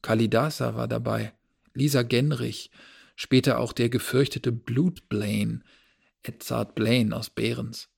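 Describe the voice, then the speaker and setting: A male narrator reads a first-person novel with a measured, low-key delivery. His voice is gravelly, with a husky, breathy grain. His pitch sits in a middle range for a man. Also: steady tone. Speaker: audiobook narrator.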